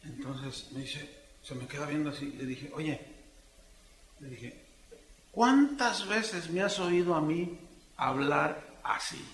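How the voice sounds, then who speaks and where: A middle-aged Mexican pastor preaching in a high, bright voice. He tells lively stories and acts out each speaker's lines. The sound carries the echo of a church hall. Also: slow, pauses often, a little hiss or hum. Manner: animated storytelling, acting out dialogues in different voices. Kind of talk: conversational sermon.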